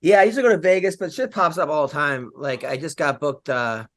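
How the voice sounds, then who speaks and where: A man with a fairly high voice, talking loosely on a podcast. He tells stories with quick asides and keeps the chat moving, like a comic between sets. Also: a bit bright. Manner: storytelling, quick asides, laughs through stories. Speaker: podcast host and comedian.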